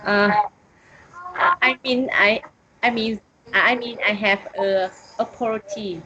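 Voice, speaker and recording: A woman learning English, hesitant and halting, repeating words after her tutor. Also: medium pitch, pushed and bright, dull audio, a little hiss or hum.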